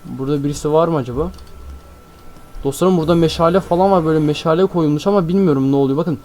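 A young man host commentating a game, excitable and jumpy, constantly talking to his viewers. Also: a little high, fast, slight background noise. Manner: excitable, jumpy, keeps addressing viewers as friends. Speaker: gaming channel host. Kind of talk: Minecraft let's-play commentary. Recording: faint background music.

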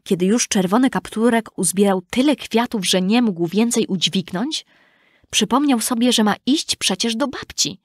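A woman reading a children's storybook aloud in a calm, even storytelling manner. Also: fairly high pitch, moderate pace, dry recording, studio quality. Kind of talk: scripted storybook narration.

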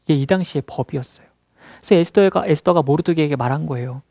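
A man tells a Bible story to children, acting out each character's lines and stopping to ask the kids questions. His voice sits on the high side for a man. The recording is dry and close, with no room echo. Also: quick pace, creaky, warm tone. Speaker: children's ministry teacher. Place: church.

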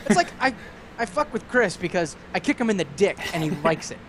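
A man's voice: sits high, big pitch swings, fairly quick, fairly bright tone, a little hiss or hum. A man co-hosting a podcast, cracking crude jokes in a casual group call. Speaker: podcast co-host. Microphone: computer mic on a group call.

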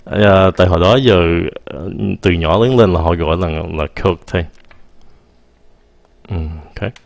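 A man's voice: sits low, creaky, no room sound. Man, patient English teacher, dry close sound. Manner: patient, repeats English example phrases slowly. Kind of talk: casual explanatory lesson.

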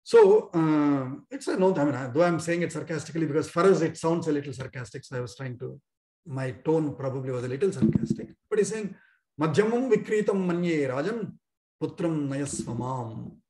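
A man's voice: a little high, very animated, brisk, warm tone, echoey room. A man teaching an online scripture class, explaining verses line by line with many fillers and chanting them for students to repeat, heard over a video call.

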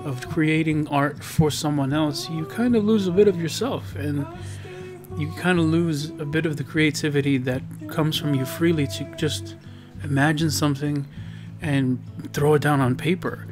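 A man talks through his digital painting in a loose, rambling voice-over, stumbling over his words and teasing himself. His voice sits a little on the higher side. Guitar music plays clearly behind him. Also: normal speed. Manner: rambling, filler-heavy, self-deprecating. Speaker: digital painter and video host. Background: background guitar music.

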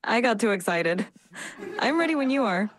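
A woman's voice: a little high, expressive, moderate pace, slight background noise. A synthetic woman's voice of an AI assistant, upbeat and friendly in a live demo.

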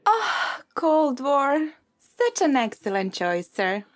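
Woman doing a snooty cinema clerk, mock-polite, slow, lively pitch. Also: dry recording, clean studio sound, heavily acted. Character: snooty cinema ticket seller, playfully mean.

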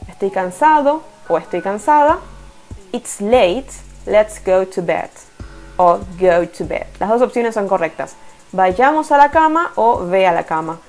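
A woman's voice: medium pitch, darkish tone. A woman with a Rioplatense Spanish accent who teaches English in an online lesson. She explains step by step, reading each English sentence and then translating it.

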